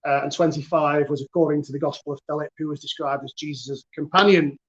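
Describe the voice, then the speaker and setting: A man's voice: on the high side, fairly even intonation, fast talker, a bit bright, dull audio. A man with a Northern English accent hosting a casual online quiz, chatty and self-mocking, with lots of fillers. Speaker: quiz host.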